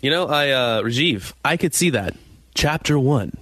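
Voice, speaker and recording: A man's voice: medium pitch, expressive, normal speed, bright, forceful tone, no echo, studio quality. A man co-hosting a radio show in a light, chatty style with joking, playful patter. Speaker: radio co-host.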